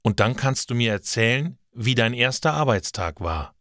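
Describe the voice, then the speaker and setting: A man voicing a supportive young woman who calms her nervous friend. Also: mid-range voice, normal speed, no room sound, studio quality, natural voice. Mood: reassuring. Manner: reassuring.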